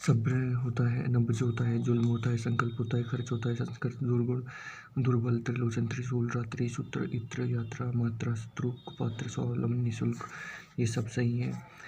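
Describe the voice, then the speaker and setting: A man's voice: mid-range voice, completely flat delivery, moderate pace, vocal fry, dark tone, slight background noise. A man with a Rajasthani Hindi accent, rattling off spelling words for exam prep and muttering some of them under his breath. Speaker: exam coaching teacher. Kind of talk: exam-prep word drill.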